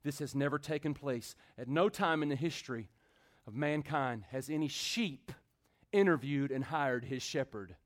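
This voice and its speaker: A man preaching a sermon in rhythmic, repeating phrases, asking the church for amens and swinging from loud build-ups to quiet, intimate talk. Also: medium pitch, moderate pace. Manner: rhythmic repetition with call-and-response asides. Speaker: pastor.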